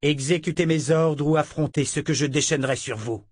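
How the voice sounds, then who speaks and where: A man's voice: fairly high pitch, fairly even intonation, a little fast, no room sound, studio quality, pitched above the performer's own voice, close to an everyday voice. A man reading an audiobook voices a commanding young hero who gives stern orders. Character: commanding angry young male seeker.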